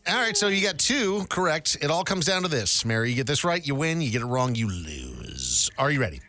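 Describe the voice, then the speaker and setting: A man's voice: medium pitch, sing-song, a little fast, sharp tone. A male radio host running a light call-in guessing game with upbeat, joking banter. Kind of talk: casual radio game segment.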